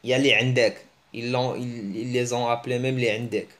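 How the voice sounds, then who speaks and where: A man giving a casual, joking online language lesson, teasing his viewers and breaking into animated bursts. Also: fast talker. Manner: joking, animated, teasing, with sudden pitch jumps. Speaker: language teacher.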